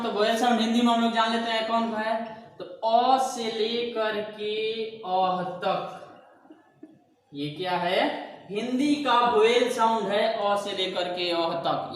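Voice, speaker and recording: This English grammar teacher, a man with a Hindi accent, quizzes his class and then answers his own questions. He sits high with a fairly bright tone, heard through a distant mic in a reverberant room with faint hiss.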